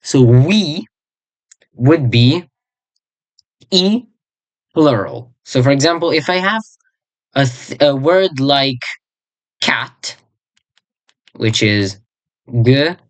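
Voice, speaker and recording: With lively intonation and a mid-range voice, a person rambles through an informal lesson on a made-up language. They hunt for words, fix their own mistakes, and say words again slowly. There's no room sound on the recording.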